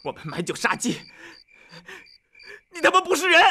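An actor playing a hot-headed young country lad, stubborn and proud, who shouts his defiance in a dubbed martial-arts film. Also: sits high, sing-song, quick pace, heavily acted. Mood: defiant, furious. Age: young adult. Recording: film audio with loud score behind.

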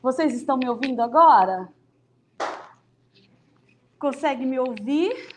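A woman's voice: fairly high pitch, a little mellow, slight background noise. A woman with a Brazilian accent, a children's storyteller, chatting with the kids before starting a story. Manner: friendly, chatty, addresses the kids.

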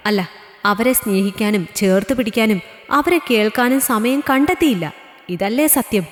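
A woman's voice: a little high, normal speed, lightly acted. A woman voicing a strict but caring female schoolteacher, a mother herself, who questions firmly and lectures. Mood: stern. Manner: firm, probing, lecturing. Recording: echoey reverberant room.

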